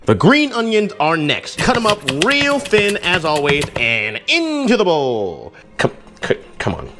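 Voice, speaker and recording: A man's voice: high voice, wildly swooping pitch, measured pace, bright, forceful tone. A tipsy, giggly, goofy man hosting a casual, jokey cooking lesson. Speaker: host of a drunk cooking tutorial. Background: music.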